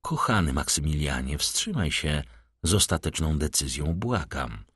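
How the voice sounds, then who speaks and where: A man reading the part of a composed aristocratic count who speaks gently and gravely in an audiobook. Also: low-pitched, no room sound, studio quality. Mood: pleading. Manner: gentle, hushed and measured.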